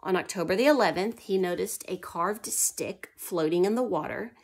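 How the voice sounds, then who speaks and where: At a normal speed and with a fairly low pitch, a woman reads history aloud for young children. She regularly stops to quiz them and answer her own questions, lowering her voice to a whisper when things turn suspenseful.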